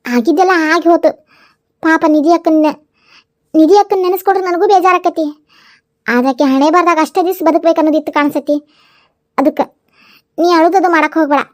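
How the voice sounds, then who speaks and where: A woman's voice: very high-pitched, fairly even intonation, fairly quick, pauses often. A woman voicing a kind, earnest young village woman with a North Karnataka accent in a cartoon comedy, speaking in a consoling, pleading way. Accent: North Karnataka Kannada. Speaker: cartoon voice actor.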